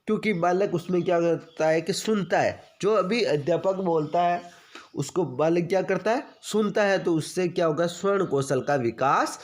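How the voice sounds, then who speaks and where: Fairly high-voiced man teaching in a drill style. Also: moderate pace. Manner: asks questions and answers them himself, repeats key facts; keeps addressing listeners as friends. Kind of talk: exam-prep lecture.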